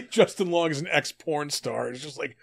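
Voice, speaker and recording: A man's voice: fairly high pitch, a little slow, vocal fry, fairly bright tone, husky. Laughing, easygoing man chatting casually. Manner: laid-back, laughs often, swears casually. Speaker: podcast co-host. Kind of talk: casual chat.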